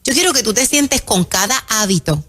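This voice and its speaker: A woman preaching in an emphatic sermon style on a radio show, calling her listeners her children and slowing down to stress key phrases. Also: on the high side, expressive, breathy edge. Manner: warm, emphatic, addresses listeners as "mis hijos".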